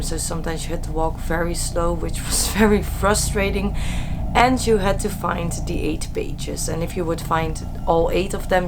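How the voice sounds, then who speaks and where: A woman's voice: lowish voice, background noise. A woman whose first language is Dutch, sounding stuffy from a cold, narrating a true crime case dramatically and then chatting casually as host.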